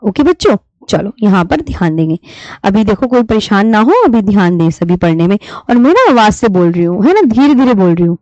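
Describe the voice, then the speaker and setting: A woman teaching a live online class, patiently repeating key terms slowly for her students. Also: mid-range voice, big pitch swings, dark tone, dry recording. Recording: dull lo-fi stream audio.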